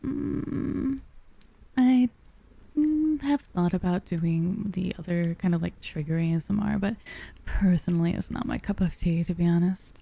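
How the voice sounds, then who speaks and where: Woman, very mellow tone, slightly low pitch, soft cozy storybook voice, casual livestream chat, affectionate manner. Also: normal speed, creaky, no room sound. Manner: affectionate, calls listeners pet names. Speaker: livestreamer, VTuber.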